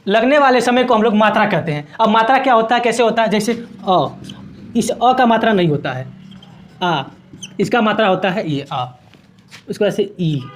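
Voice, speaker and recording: A man's voice: sits high, a little hiss or hum. A man teaching a grammar lesson at a board, asking questions and answering them himself and repeating each definition.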